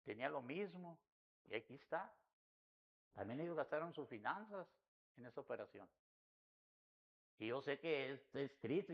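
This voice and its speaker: A man's voice: on the high side, lo-fi sound. A man preaching an earnest sermon to a congregation, often calling his listeners "my brother.". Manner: earnest, addresses listeners as "mi hermano".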